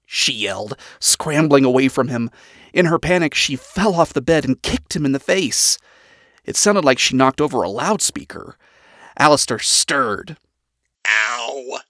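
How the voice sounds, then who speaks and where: A reader narrating a chapter of a story aloud with expressive storytelling. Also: medium pitch, no echo, clean studio sound. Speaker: audiobook reader.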